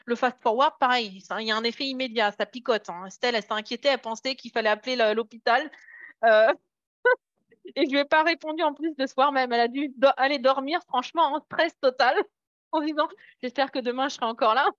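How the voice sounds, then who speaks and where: Leading her sales team through a relaxed pep-talk training, this French-speaking trainer sounds supportive yet unsure, restarting often and filling pauses. She speaks briskly in a high, fairly bright voice, and the recording is dull and free of echo.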